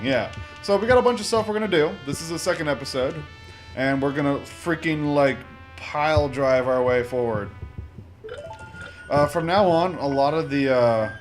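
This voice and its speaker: This gaming channel host is a young man with a mid-range voice, giving loose, excitable let's-play commentary full of fillers and self-corrections. Game music runs underneath his chatter.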